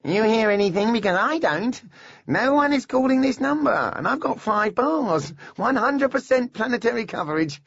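A brash male show host, pitched far above the reader's own husky voice and loud and boastful. It is recorded close and dry, slightly muffled. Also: animated, moderate pace, dry recording, heavily acted. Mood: mocking.

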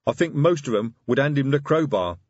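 A man voicing a big, slow, patient male troll sergeant in an audiobook, with a plodding delivery. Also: medium pitch, expressive, a little mellow, husky, dry recording, lo-fi sound, voice pushed up.

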